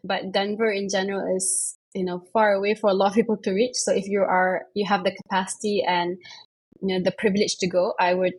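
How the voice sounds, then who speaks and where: A young woman from Malaysia, chatting as an interview guest, full of fillers and quick self-corrections. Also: medium pitch, flat delivery, husky, low-quality recording. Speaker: guest, investment manager. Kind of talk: casual interview chat.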